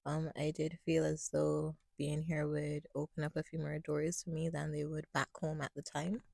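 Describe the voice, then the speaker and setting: Panelist, young woman from Barbados, low gravelly voice, measured and hesitant. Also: flat delivery, warm tone, no echo. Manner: measured, hesitant, with many ums. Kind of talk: casual panel talk.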